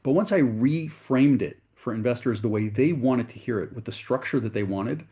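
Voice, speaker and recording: Speaking as an interview guest, a middle-aged venture capitalist from the US recounts his story with sincerity, revising his words as he goes. He has a mellow, expressive mid-range voice and keeps a moderate pace.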